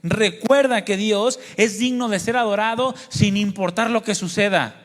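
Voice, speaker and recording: In a church hall with a long reverb tail, a man with a fairly high voice preaches a sermon earnestly at normal speed. He shares his personal testimony and asks the congregation questions, addressing them as brothers and sisters.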